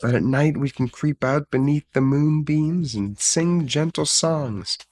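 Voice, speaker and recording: A sleepy-eyed sloth voiced by a man talks in a slow, gentle drawl, a little above the reader's own pitch. He is a timid night creature in a storybook, soft and pleading, never loud. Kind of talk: storybook voice acting.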